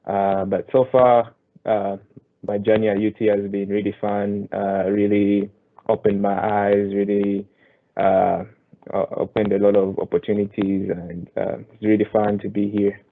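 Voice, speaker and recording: A young man introduces himself in a low, flat voice. He speaks haltingly, with frequent fillers. His audio is thin and tinny, like a phone line. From Zambia. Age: young adult. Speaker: engineering student ambassador. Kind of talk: self-introduction on a panel.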